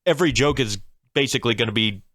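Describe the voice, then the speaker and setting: A man's voice: mid-range voice, fast, fairly bright tone, no echo, studio quality. A male podcast host asking questions and reasoning through his points in casual chat.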